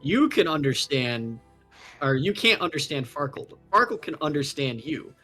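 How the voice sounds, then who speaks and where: A man narrating as game master, setting scenes calmly and answering rules questions. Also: a little high, normal speed, soft background music. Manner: calm, descriptive scene-setting.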